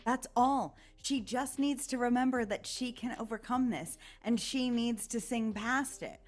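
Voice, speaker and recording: A woman's voice: on the high side, measured pace, soft background music. A woman playing in a tabletop game stream, dry and teasing. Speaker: player. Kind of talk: casual tabletop play.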